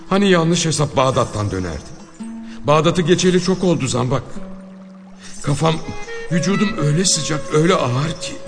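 A man voicing a defiant, wry outlaw man who has been shot, speaking in a low, subdued inner monologue. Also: big-room sound. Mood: fading.

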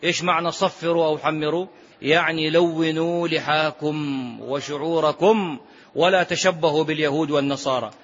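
A male religious teacher with a notably high voice delivers a lesson in formal Standard Arabic, slipping into colloquial asides. He quizzes his listeners and repeats his points to drive them home. The recording is muffled and lacks detail. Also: steady tone, fairly quick, fairly bright tone. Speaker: preacher teaching before congregational prayer. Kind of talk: religious lesson, explaining scripture. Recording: muffled, dull lo-fi lecture recording.

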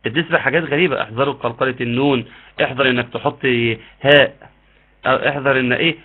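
Egyptian guy teaching quran recitation over a tinny call, kinda husky, patient. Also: medium pitch, steady tone. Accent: Egyptian Arabic. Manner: explains patiently, models slow drawn-out recitation. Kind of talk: online tajweed lesson. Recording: tinny phone-like line.

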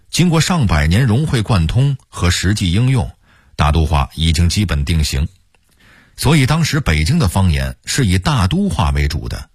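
A man narrates a radio history talk, folksy and speaking straight to the listener. His voice is low and a little husky, with lively rises and falls. The sound is dry and close to the mic. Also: no room sound. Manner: folksy, addresses the listener directly. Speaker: radio presenter. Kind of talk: scripted educational narration.

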